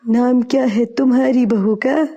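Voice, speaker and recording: Cartoon witch bird, old, deep mannish drawl, dark tone, a woman voicing her. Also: steady tone, lo-fi sound. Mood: scheming. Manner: slow, drawn-out incantations. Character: old female witch bird, gruff mystic.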